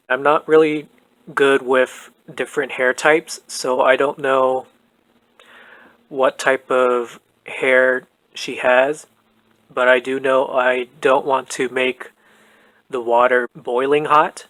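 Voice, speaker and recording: A man calmly talking through a hair-setting tutorial in a voice-over, soft-spoken and methodical. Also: medium pitch, dry recording, low-quality recording. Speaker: doll hair tutorial host. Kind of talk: calm instructional voice-over.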